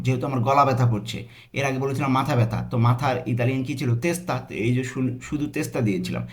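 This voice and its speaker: A man with a Bangladeshi accent teaching a language lesson, saying example phrases slowly and breaking them into parts. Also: mid-range voice. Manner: slow, drawn-out pronunciation of example phrases.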